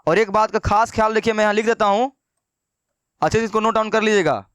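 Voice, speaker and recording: A man's voice: high voice, a bit bright, clear, resonant tone, no room sound, clean studio sound. A man teaching an online grammar lesson. He asks and answers his own questions and repeats key words. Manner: slows down to dictate notes. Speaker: English teacher.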